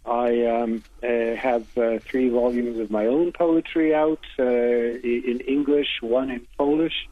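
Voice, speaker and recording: A man answering radio interview questions as a literary translator, halting with many hesitations and restarts. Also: medium pitch, fairly even intonation, no echo. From United States. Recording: tinny phone line, dry.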